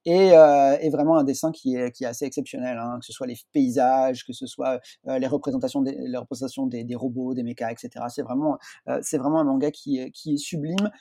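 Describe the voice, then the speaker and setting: A man's voice: mid-range voice, fairly even intonation, brisk, hardly any pauses, mellow, no room sound. A man reviewing comics in casual radio chat, often stammering and restarting.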